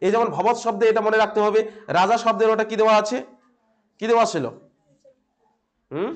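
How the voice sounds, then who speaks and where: A man's voice: high voice, fairly even intonation, fairly quick. A male teacher with a Bengali accent gives a classroom grammar lesson, asking questions and repeating the answers as he checks on his students.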